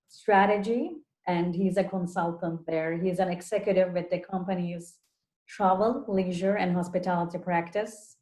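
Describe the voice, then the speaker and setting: Woman from Turkey, webinar host, low mellow voice, halting with fillers, echoey room. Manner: hesitant, frequent fillers. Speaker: webinar moderator. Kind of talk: online webinar hosting. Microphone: video call. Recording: roomy echo.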